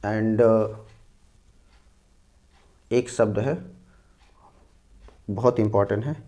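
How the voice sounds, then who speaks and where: A man with a slightly low voice teaching an exam-prep Hindi spelling lesson. He repeats each word patiently and walks through it step by step. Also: fairly even intonation, dark tone. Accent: North Indian Hindi. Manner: explains slowly, repeating each word and saying "dekhiye" and "theek hai".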